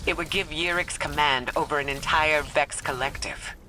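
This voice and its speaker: An actor playing a serious strategist delivering a measured briefing in a video game. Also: mid-range voice, steady tone, bright, forceful tone, soft background music, close to an everyday voice, rough recording. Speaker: game character. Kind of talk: video game cutscene dialogue.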